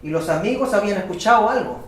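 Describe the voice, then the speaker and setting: A man interpreting a sermon live, talking quickly and restarting phrases as he goes. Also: sits high, expressive. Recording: very echoey church hall.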